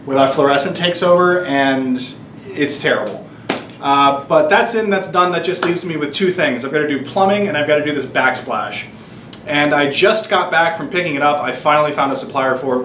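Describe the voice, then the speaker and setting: In this casual how-to vlog, a shop owner in his thirties upbeatly explains each step while renovating his shop. His voice is on the high side with a fairly bright tone. He's filmed indoors in a low-ceilinged workroom with an on-camera mic at arm's length or on a stand, giving roomy echo and a little hiss or hum.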